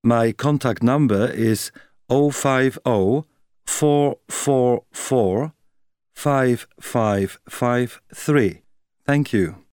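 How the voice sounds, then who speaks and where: A man leaving a voicemail message as a caller, speaking slowly and carefully and reading out his number digit by digit. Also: mid-range voice, a little mellow, smooth, no echo, studio quality. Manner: slow, careful, reads out digits one by one. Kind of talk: scripted listening exercise dialogue.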